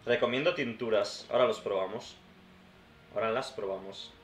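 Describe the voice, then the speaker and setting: Chatty gamer thinking aloud. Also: male voice, on the low side, moderate pace. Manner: chatty, thinks aloud, addresses viewers as "tío" and "hermanos". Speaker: gaming YouTuber. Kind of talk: casual let's-play commentary. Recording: roomy sound with faint background noise.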